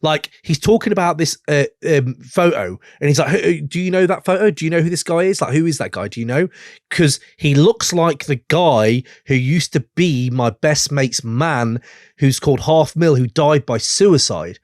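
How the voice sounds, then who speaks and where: A man's voice: moderate pace, no echo, studio quality. A man co-hosting a music podcast, talking casually and swearing often. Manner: animated, swearing, mimics lines with big pitch jumps. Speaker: podcast co-host. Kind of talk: casual chat.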